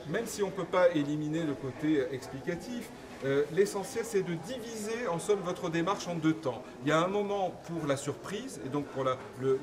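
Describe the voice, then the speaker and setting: A man guiding a museum tour, explaining with frequent self-corrections. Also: a little high. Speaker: museum guide. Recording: distant mic in a crowd. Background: crowd.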